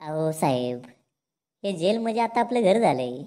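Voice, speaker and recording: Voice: mid-range voice, big pitch swings, moderate pace, warm tone, lightly acted. A voice actor playing a cocky jailed village thug in a cartoon, smug and mocking. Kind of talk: cartoon dialogue.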